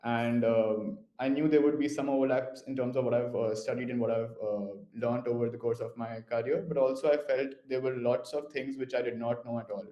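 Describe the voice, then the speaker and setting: A young man from India, a current master's student speaking in an online info session, measured and dotted with "uh" fillers. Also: mid-range voice, steady tone, echoey room, dull audio.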